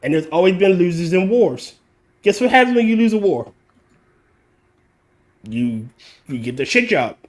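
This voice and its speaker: A man hosts an informal podcast chat in a high, very animated voice, keeping a moderate pace and pausing often. His manner is blunt and full of swearing as he lectures in extended runs to explain his view.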